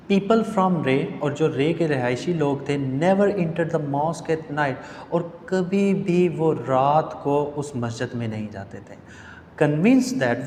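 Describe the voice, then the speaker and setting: A male teacher in a book-reading lesson. He reads English lines slowly, then explains the meaning of each word at length. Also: on the high side, darkish tone, reverberant, big-room sound, a little hiss or hum.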